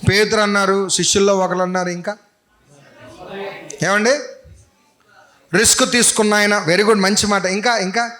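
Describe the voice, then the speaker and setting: A man's voice: high voice, flat delivery, normal speed, long pauses, pushed and bright. A man pastor giving an interactive sermon at a church service, quizzing the congregation with repeated questions, on a handheld mic.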